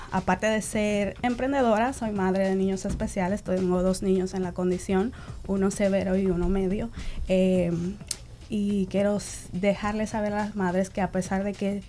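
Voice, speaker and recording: A woman who owns a business, speaking as a panel guest with a steady, encouraging manner. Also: mid-range voice, measured pace, a little hiss or hum. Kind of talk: panel talk.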